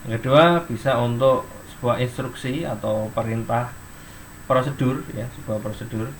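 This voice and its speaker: A man's voice: medium pitch, fairly even intonation, moderate pace, slight background noise. A man teaching English in an online class, explaining step by step and reading example sentences and dictionary entries aloud.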